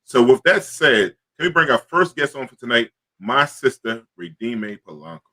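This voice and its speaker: A man hosting a casual talk show, chatting loosely with guests in a streetwise, excitable way. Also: mid-range voice, moderate pace. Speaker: host.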